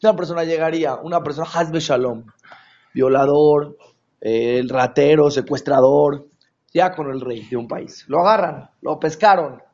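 Animated man teaching Torah. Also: fairly high pitch, moderate pace, dull audio. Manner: animated, rhetorical, questions the listeners. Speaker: religious teacher. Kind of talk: Torah class sermon.

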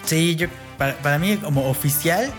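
A man's voice: a little high, normal speed, music in the background. A bilingual man with a Mexican accent, native in English and Spanish, co-hosting a casual podcast. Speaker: podcast co-host.

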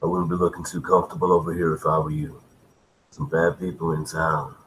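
A man's voice: very deep voice, flat delivery, brisk, a bit bright, slight background noise. A man voicing a wary saloon barman with folksy western phrasing in a tabletop game. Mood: warning. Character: male saloon barman, low-key, warning of danger.

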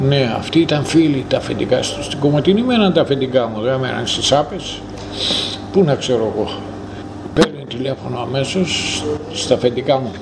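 A man's voice: mid-range voice, animated, vocal fry. An older man from northern Greece, a former coal miner, telling his life story in a rambling, vivid way and acting out old conversations. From Thrace, northern Greece. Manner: rambling, vivid, acts out dialogue. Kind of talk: storytelling interview. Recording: noisy background.

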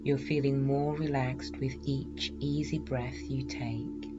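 A woman hypnotherapist guiding a self-hypnosis session in a calm, meditative, soothing way. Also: extremely low pitch, slow pace, dull audio, over loud music. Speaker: hypnotherapist and weight loss coach, podcast host.

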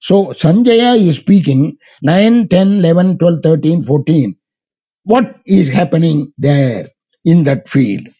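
A man with a South Indian accent delivers a religious discourse in a fairly high, husky voice. He moves between Sanskrit verse and halting explanation, putting questions to his listeners. The recording is dull and muffled. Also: expressive, dark tone. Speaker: religious teacher. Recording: muffled, lo-fi sound.

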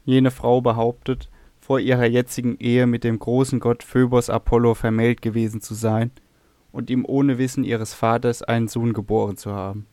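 A man's voice: medium pitch, little pitch movement, moderate pace, warm tone, no echo, natural voice. A man voicing a troubled noble queen, speaking sadly and guardedly. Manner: sad, guarded.

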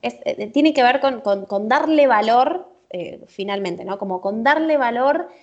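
A woman's voice: fairly high pitch, animated, unhurried, highs cut off. A woman with a Rioplatense Spanish accent explaining emotions in casual chat, with many fillers and tag questions.

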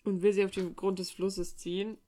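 A woman's voice: medium pitch, flat delivery, moderate pace, mellow. Wry woman reading a fairy tale. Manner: wry, joking commentary. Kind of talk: read-aloud with chatty asides.

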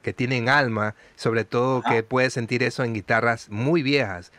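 A man, hosting a casual interview in a relaxed, slangy way and asking friendly questions. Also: medium pitch, normal speed, no room sound. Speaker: host.

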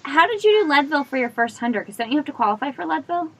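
A woman's voice: high-pitched, big pitch swings, very fast, a bit bright. A woman hosting a podcast, asking curious, teasing questions and laughing easily. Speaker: podcast host. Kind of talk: casual interview chat.

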